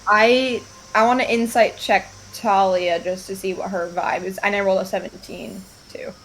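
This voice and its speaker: A woman's voice: mid-range voice, steady tone, moderate pace, a bit bright, slight background noise, low-quality recording. A woman playing a tabletop game, chatting casually and second-guessing her choices. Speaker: player.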